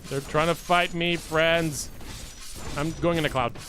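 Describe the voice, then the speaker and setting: A man giving animated live gameplay commentary as a streamer, who keeps addressing his viewers as friends. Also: fairly high pitch, measured pace. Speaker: gaming streamer.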